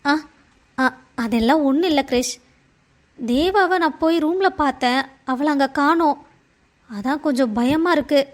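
This is a stern, scheming middle-aged aunt in a cartoon family drama, voiced by a woman. Her voice sits high, and her scolding runs melodramatic. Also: measured pace, long pauses. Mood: worried.

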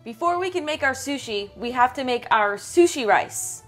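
A young woman hosting a fishing and cooking channel speaks in a high, animated voice at a moderate pace, eagerly explaining each step of filleting fish and making sushi while faint music plays behind her.

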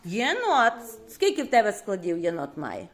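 A woman teaching a classroom of young children, questioning quickly and praising often. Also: medium pitch, wildly swooping pitch. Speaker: primary school teacher.

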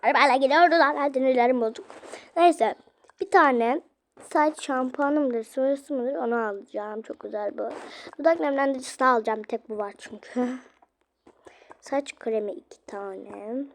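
High-voiced chatty young woman vlogger. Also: moderate pace, a little hiss or hum. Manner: chatty, addressing viewers directly. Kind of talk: casual game play narration.

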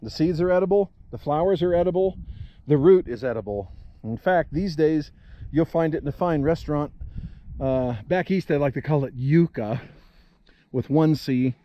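A man's voice: fairly high pitch, moderate pace, warm tone. A man talking casually in a vlog, rambling and folksy with many ums and uhs, outdoors on dry, windy land. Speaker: homesteader vlogger. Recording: slightly dull, faint outdoor noise.

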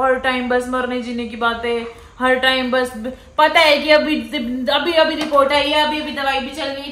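A woman's voice: high voice, fairly bright tone. A woman vlogger talking casually, in a reproachful and insistent way. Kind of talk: casual chat. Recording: echoey room.

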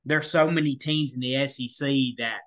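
Man, podcast co-host, casual sports talk, rambling, sharp tone. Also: mid-range voice, fairly even intonation, moderate pace. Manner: rambling, many restarts and fillers.

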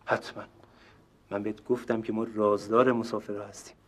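An actor playing a male hotel clerk who is overly polite and flattering but keeps insisting that guests leave, in a sitcom. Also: fairly low pitch, a little hiss or hum, lightly acted. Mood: exasperated. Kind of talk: sitcom acting.

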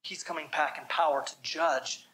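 A man's voice: on the high side, steady tone, normal speed, pushed and bright, low-quality recording. A man preaching a sermon as pastor, emphatic and calling for responses from the congregation.

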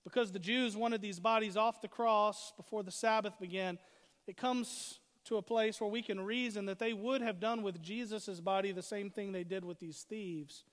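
Pastor guy preaching, pretty high voice, keeps hammering points with repeats, big echoey hall. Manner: preaching with emphatic repetition and rising emphasis. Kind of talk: sermon.

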